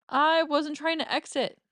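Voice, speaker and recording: In a dry recording, a woman speaks slowly in a high-pitched, slightly bright voice with a steady tone. A gaming streamer with a slightly stuffy nose, she giggles and jokes at her own expense while casually playing a cozy farming game for a let's-play.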